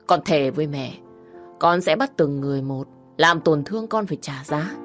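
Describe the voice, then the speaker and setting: A woman's voice: low-pitched, lightly acted. A woman voicing a scheming, vengeful young woman in a narrated story.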